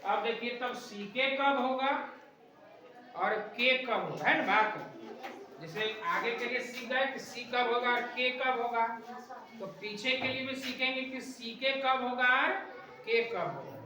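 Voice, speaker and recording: A woman's voice: on the high side, unhurried, sharp tone. A woman teaching an English class, quizzing her students with repeated questions and tag checks. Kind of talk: classroom lesson. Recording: echoey room recorded from far off.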